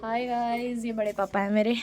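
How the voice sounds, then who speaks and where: A woman's voice: fairly high pitch, level tone, normal speed, a little mellow, a little hiss or hum. Chatty young woman giving a home tour. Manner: chatty, playful, addressing viewers as guys. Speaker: vlogger. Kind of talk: casual home tour vlog. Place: family house, indoors and courtyard. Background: family members talking around her.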